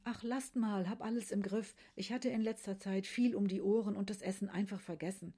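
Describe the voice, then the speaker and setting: A woman's voice: medium pitch, steady tone, brisk, dark tone, husky. Woman voicing a thin, evasive schoolgirl.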